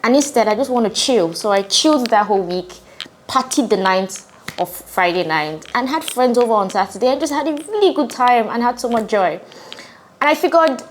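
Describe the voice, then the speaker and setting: This channel host, a woman in her twenties, has a fairly high, expressive voice and speaks at normal speed, sounding hungover as she reflects casually with her viewers. Music plays behind her, with slight background noise.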